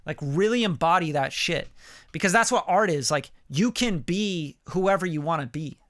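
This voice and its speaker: A man in his late thirties giving a casual live song critique as a music producer, animated and profane, full of "like" and "you know.". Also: sits high, normal speed, no room sound, studio quality. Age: late 30s. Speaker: music producer reviewing listener songs.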